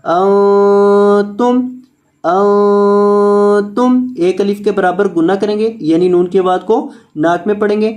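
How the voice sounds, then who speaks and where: A man teaching Quran reading step by step, explaining rules quickly and then chanting each word slowly and drawn out. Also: high voice, fairly even intonation, dark tone, soft background music. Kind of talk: step-by-step recitation lesson.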